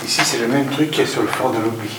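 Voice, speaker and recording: A man's voice: mid-range voice, very fast, noisy background. Casual man in a reverberant empty building. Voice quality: voice echoing in a big empty hall. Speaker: urban explorer filming. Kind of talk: casual exploration chat. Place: large empty abandoned building, indoors.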